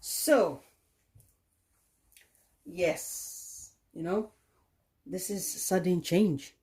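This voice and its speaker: A woman giving a tarot card reading, talking in a slow, soothing way with many "okay?" tag questions. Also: fairly low pitch, dark tone. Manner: drops into a whisper at times. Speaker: tarot reader.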